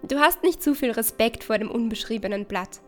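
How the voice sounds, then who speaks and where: A woman's voice: fairly high pitch, animated, brisk, faint music behind. A woman reading a second-person story aloud in an intimate, conversational way.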